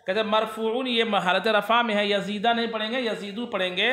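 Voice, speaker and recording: Male grammar teacher, keeps quizzing the class, sharp bright tone. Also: sits high, fairly even intonation, brisk, echoey room. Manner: asks students questions and answers them himself. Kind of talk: classroom lesson explaining a text.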